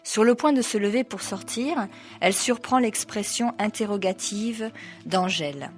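A woman's voice: mid-range voice, a little slow, faint music behind. Woman reading a novel aloud. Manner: hesitant asides with many fillers. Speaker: reader.

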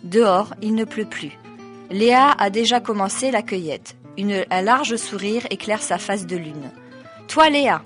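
A woman's voice: mid-range voice, unhurried, soft background music. A woman reading a novel aloud, breaking off for hesitant spoken asides full of fillers. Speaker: reader.

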